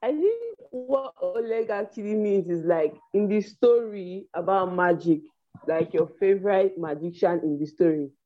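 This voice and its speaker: A woman's voice: mid-range voice, expressive, a little slow. A woman chatting casually and eagerly as a panelist in a discussion. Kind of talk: casual chat. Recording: tinny phone-like online call.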